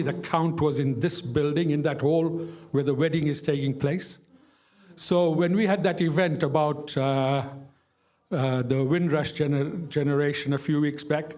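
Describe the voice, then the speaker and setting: Speaking to an audience, a former councillor and activist from Zimbabwe, now older, passionately recalls his years of public service. His voice sits fairly high and is a little mellow. He talks plainly and emphatically, repeating phrases to drive points home.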